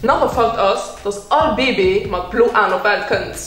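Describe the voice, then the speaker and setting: A woman's voice: medium pitch, moderate pace, a bit bright. A young adult woman with a Luxembourgish accent, co-hosting a video with casual talk about facts and tricks. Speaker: video co-host. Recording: echoey room with music behind. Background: music.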